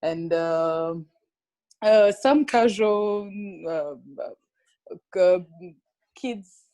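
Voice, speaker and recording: A woman's voice: lowish voice, extremely slow, dark tone, no echo. Cheerful woman entrepreneur on a video call. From Rwanda. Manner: cheerful, hesitant with many uhs. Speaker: entrepreneur guest. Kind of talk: casual video-call chat.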